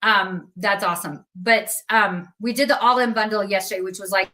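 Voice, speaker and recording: Bright, bubbly woman hosting a livestream. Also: mid-range voice, fairly even intonation, moderate pace. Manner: bubbly, chatty, upbeat. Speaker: livestream host for a craft company. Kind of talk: live sales stream chat.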